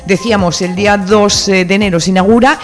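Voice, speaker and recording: A woman hosting a local radio show, reading the news in a brisk newsreader style and chatting with her co-host. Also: mid-range voice. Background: music bed.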